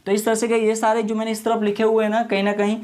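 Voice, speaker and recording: A man's voice: sits high, monotone, quick pace, a little mellow. Man teaching English vocabulary. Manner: addresses viewers as "guys", repeats each word with its meaning and example sentences; mixes Hindi and English, often ends points with "right". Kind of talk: spoken English vocabulary lesson.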